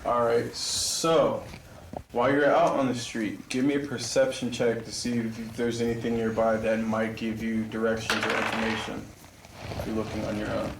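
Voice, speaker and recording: A man's voice: fairly low pitch, level tone, normal speed, creaky, very noisy. A man narrating a tabletop game as game master in a loose, chatty way. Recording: roomy sound from a distance.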